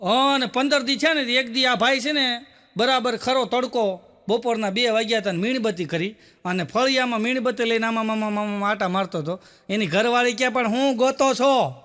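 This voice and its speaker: A young man tells stand-up jokes in a very high, ringing voice. He tells his stories in a lively way and acts out the people in them. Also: fairly quick. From Gujarat, India. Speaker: stand-up comedian. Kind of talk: stand-up joke telling.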